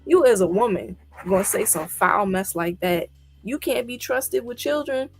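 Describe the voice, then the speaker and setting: A woman's voice: medium pitch, animated, moderate pace, creaky, breathy edge, faint music behind. A woman co-hosting a podcast discussion, talking emphatically and firing off incredulous rhetorical questions. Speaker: podcast co-host. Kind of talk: casual discussion.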